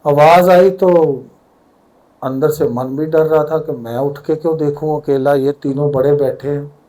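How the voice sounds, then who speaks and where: A man's voice: on the high side, steady tone, unhurried, mellow, low-quality recording. An older man with a Punjabi accent tells a story at a satsang, vividly acting out the dialogue. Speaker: devotee sharing a satsang story.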